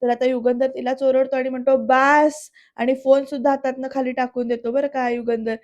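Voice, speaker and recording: A woman's voice: high-pitched, level tone, fairly quick, mellow, lo-fi sound. A woman narrating a voice-over recap of a TV serial episode, retelling scenes and quoting the characters with heated emphasis.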